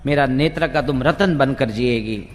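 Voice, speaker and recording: A man's voice: mid-range voice, long reverb tail, lightly acted. A man doing a gushing flowery poet. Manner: over-poetic, slow, grandiose.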